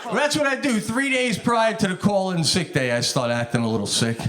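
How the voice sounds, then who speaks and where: A man's voice: sits high, fairly quick, crowd noise. A man with a thick New York, Long Island accent telling stand-up stories conversationally and acting out the dialogue. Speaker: stand-up comedian. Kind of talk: stand-up storytelling. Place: live comedy venue with audience.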